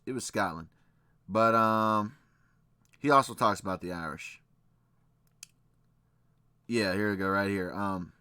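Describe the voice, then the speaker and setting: Old records and scripture get read aloud in this reaction video, where the male host comments casually, hammering key phrases and often adding "right?" His voice sits on the low side, sounding pushed, bright, and smooth, with no room sound.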